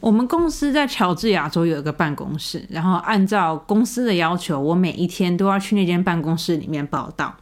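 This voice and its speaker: A woman's voice: fairly low pitch, animated, a little fast, few pauses. A woman hosting a podcast, telling a story in a chatty, casual monologue with many fillers. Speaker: podcast host.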